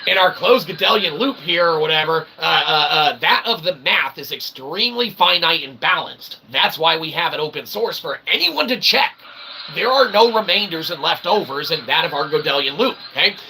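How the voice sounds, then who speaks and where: A streamer who styles himself an author and philosopher delivers a rambling, emphatic monologue in verbose, pseudo-academic language, tagging lines with check-in "okays" and swearing now and then. His voice is a little high, expressive, pushed and bright, at normal speed. The recording is low-quality with slight background noise.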